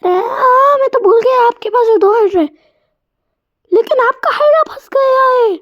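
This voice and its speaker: A man voicing a cheeky little cartoon boy who pleads and squeals in a high voice. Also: expressive, moderate pace, a bit bright, highs cut off. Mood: whiny.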